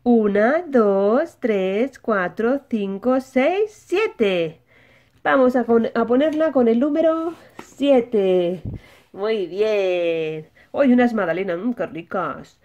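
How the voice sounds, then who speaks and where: Woman, Spain accent, high voice, very slow pace, child-directed teaching, question and answer. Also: lively intonation, darkish tone, dull audio. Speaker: host of a children's toy channel. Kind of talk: simple counting lesson for small children.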